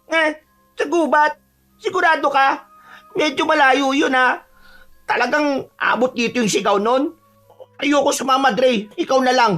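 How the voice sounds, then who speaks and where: A man's voice: very high voice, unhurried, pauses often, a bit bright, faint music behind. A man voicing a jumpy, easily scared young man from the city in an audio horror story. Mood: nervous. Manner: nervous, whiny and fearful.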